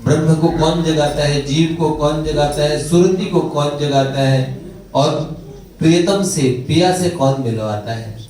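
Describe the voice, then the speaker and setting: A man leads a devotional satsang, moving between plain explanation and slowly chanted couplets while he checks in with his listeners. His voice sits high for a man and he speaks at an unhurried pace. The recording is distant and washed in the echo of a large hall. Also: darkish tone. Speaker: spiritual teacher. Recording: echoey hall from far off.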